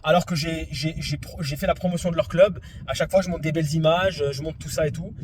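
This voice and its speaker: A man in his twenties from France, retelling a tennis match dispute in an indignant, animated vlog. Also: fairly high pitch, fast talker, background noise. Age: 20s. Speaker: tennis vlogger. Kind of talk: vlog story recap.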